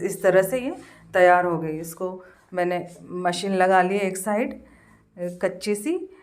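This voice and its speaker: A woman with a hoarse voice from a cold, casually narrating her daily routine and walking through a sewing job step by step, with pauses and fillers. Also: mid-range voice. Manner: slow, homely step-by-step explaining with many pauses and fillers. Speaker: home vlogger.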